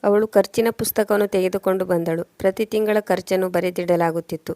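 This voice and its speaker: Woman reading a story in a flat voice. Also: medium pitch, brisk, no echo. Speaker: story narrator. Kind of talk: scripted storytelling narration.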